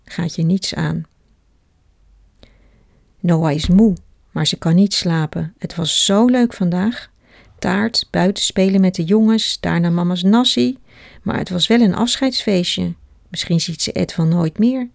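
A woman's voice: on the low side, measured pace, creaky, a little mellow, no room sound, studio quality. A woman reading a children's book aloud, giving each character a slight voice of its own. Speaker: storybook reader.

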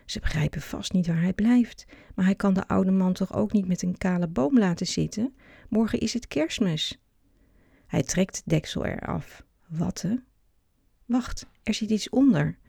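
Calm gravelly storybook narrator. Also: mid-range voice, a little slow, no room sound, studio quality. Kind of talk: children's storybook reading.

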